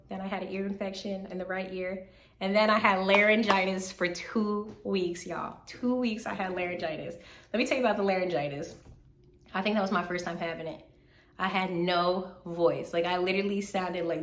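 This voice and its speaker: Chatty slightly hoarse woman. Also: medium pitch, echoey room, a little hiss or hum. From Southern United States. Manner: chatty, animated storytelling, repeats phrases for emphasis. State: slightly hoarse from recent illness. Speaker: third-year medical student vlogger. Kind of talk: casual vlog life update.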